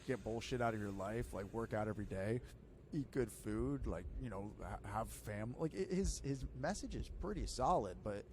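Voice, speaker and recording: A man's voice: lowish voice, animated, normal speed, darkish tone, slight background noise. A man in his thirties hosting a podcast, chatting loosely and filling his talk with "like" and "dude". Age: 30s. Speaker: podcast host. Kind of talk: casual chat.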